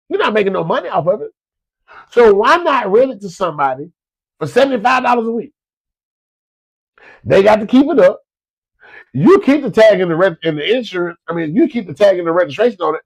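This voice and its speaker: In poor audio, a Florida man with a cold casually repeats folksy business advice as motivation for his listeners. He has a high, creaky, slightly rough voice.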